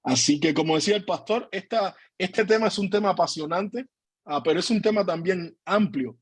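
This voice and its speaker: A man's voice: high voice, normal speed, husky, no echo. A man, a pastor giving an earnest online teaching talk, hesitating often with fillers, on a computer mic during a video call. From Cuba.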